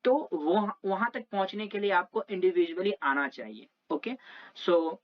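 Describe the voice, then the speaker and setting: A woman's voice: mid-range voice, expressive, unhurried. A young Indian woman explaining exam preparation over slides, switching between Hindi and English and often checking in with the listener. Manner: mixes Hindi and English, checks in with "okay" and "theek hai". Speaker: exam prep tutor. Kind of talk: slide-based exam prep lesson. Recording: slightly dull lo-fi audio.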